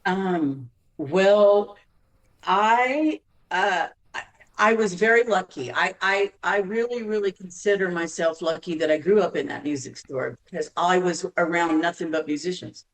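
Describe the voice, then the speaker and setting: A woman from Arizona, a singer guest on a podcast, telling long stories with halting restarts. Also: on the low side, distant mic, low-quality recording. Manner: halting, many restarts, laughs while telling. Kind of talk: podcast interview storytelling.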